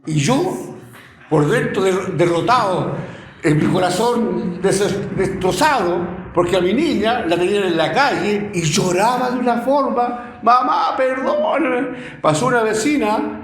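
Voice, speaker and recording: A middle-aged Chilean man preaches a sermon in a high voice, telling stories with plenty of feeling and repeating his words as he goes. His voice rings around an echoey room. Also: expressive, measured pace. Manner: emotional storytelling with many repeated words.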